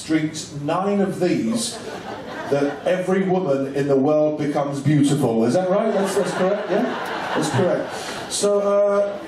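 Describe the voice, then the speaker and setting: A man hosting a stage show as master of ceremonies, addressing a live audience with upbeat showman banter. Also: sits high. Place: large indoor ship theatre. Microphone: handheld stage mic, heard from camera in audience. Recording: distant echoey theatre PA, noisy.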